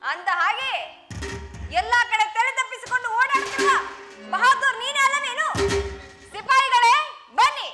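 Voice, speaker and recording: A woman's voice: extremely high pitch, moderate pace, pauses often. A woman playing a clever young woman disguised as a bossy soldier in a live open-air folk drama, teasing and commanding. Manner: teasing, commanding stage delivery. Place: open-air village street stage. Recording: echoey open-air stage, band music behind.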